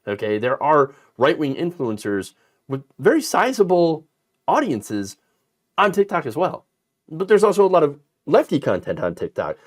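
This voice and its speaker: A man hosting casual political commentary, sarcastic and animated, mocking politicians with put-on quotes. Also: on the high side, moderate pace.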